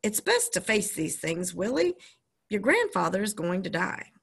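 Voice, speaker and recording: A woman's voice: mid-range voice, very animated, normal speed, gravelly, slightly rough, full character voice. A woman voicing a blunt, matter-of-fact country doctor in a storybook reading, speaking firmly and plainly.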